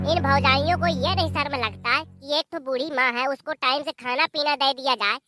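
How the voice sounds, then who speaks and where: A woman's voice: high-pitched, sharp tone. A woman voicing a fiery young married daughter in a village cartoon, scolding in a confrontational tone with a Bundelkhandi Hindi accent.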